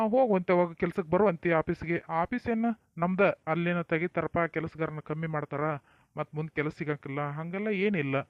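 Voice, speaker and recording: A man's voice: high voice, dry recording. Male comic actor, North Karnataka accent, folksy and scolding in a home skit, dull dry sound. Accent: North Karnataka Kannada. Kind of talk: family comedy skit acting.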